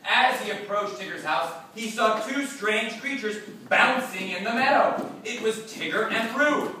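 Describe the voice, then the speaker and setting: A man narrating a children's class play in an expressive, drawn-out storytelling manner. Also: high voice. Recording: echoey room, voice from far off, faint hiss.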